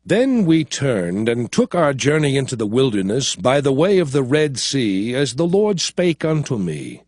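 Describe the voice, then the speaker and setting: Slow, solemn, and dramatic, a male narrator performs Moses, the old and grave prophet and leader, for a scripture dramatization. His mid-range voice has a darkish tone and is very animated. It's a studio recording over music, without echo.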